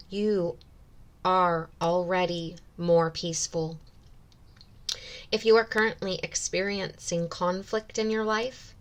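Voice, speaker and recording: Woman, lowish pitch, unhurried pace, measured pauses, spiritual card-reading delivery. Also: fairly bright tone. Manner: measured, deliberate phrasing with pauses. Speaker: oracle card reader. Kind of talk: slow, spiritual guided card reading, partly read out.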